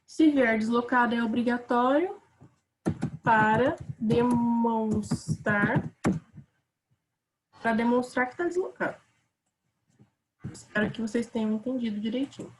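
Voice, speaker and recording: Woman teacher, Brazilian Portuguese accent, casual online grammar lesson, fairly high voice. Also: measured pace, long pauses, background noise. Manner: casual, chatty, talks to students as "gente".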